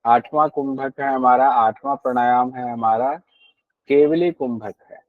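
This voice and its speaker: A man's voice: mid-range voice, steady tone, measured pace, no echo, phone-quality sound. A man teaching a class on a yoga text, explaining patiently, repeating key points and asking his students questions.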